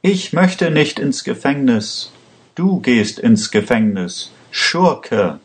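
A man voicing an angry young woman who shouts in indignation. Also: medium pitch, sing-song, slow, pitched above the performer's own voice. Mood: furious.

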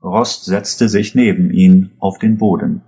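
Deep, slow male narrator. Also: steady tone, dark tone. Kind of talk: read audiobook narration.

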